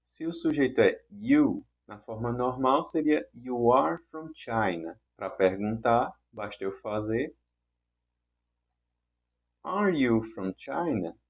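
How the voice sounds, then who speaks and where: A man teaching an online English lesson in Portuguese, who repeats the example sentences patiently and clearly. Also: mid-range voice, expressive, slow, highs cut off.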